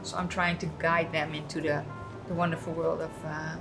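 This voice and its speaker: A woman's voice: low-pitched, little pitch movement, normal speed, poor audio. A middle-aged woman from Suriname, a guest chatting casually in a cafe interview, telling stories with frequent ums and uhs. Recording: background guitar music.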